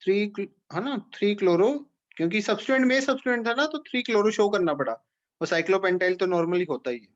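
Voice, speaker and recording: A man's voice: sits high, expressive, fast, dull audio. A man teaching an organic chemistry class, explaining step by step and checking in with questions to his students. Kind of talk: classroom lecture.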